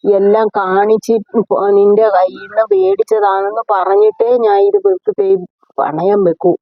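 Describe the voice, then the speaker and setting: A woman's voice: mid-range voice, very animated, normal speed, creaky, no room sound. A woman playing an anxious middle-aged mother of a bride in a comic skit, who apologizes and pleads for help with her debts. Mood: pleading. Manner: pleading and apologetic, repeats "mole". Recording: tinny phone-like dry recording.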